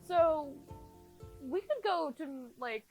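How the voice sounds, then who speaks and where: Woman as a high-voiced, sheepish young mockumentary subject. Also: animated, slow pace, heavily acted, rough recording. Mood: sheepish, defensive. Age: young adult. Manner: hesitant, giggly, rambling confessional. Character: sheepish 21-year-old woman defending her odd collection. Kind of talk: mockumentary interview. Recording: music clearly behind the voice.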